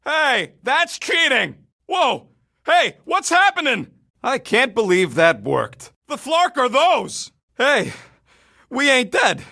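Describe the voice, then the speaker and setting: An actor voicing a cocky, irritable raccoon mercenary in a video game, with a rough street-tough voice and brash, sarcastic, slangy delivery. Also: male voice, very high voice, sing-song, takes it slowly, pushed and bright, full character voice. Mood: alarmed, brash. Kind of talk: video game character barks.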